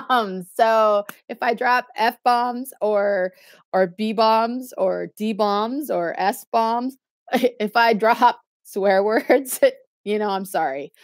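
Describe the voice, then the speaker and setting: A woman's voice: a little high, slow pace, no room sound, studio quality. A middle-aged woman chatting casually on a livestream, sassy and snarky, laughing often and filling gaps with lots of ums. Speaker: YouTube live streamer.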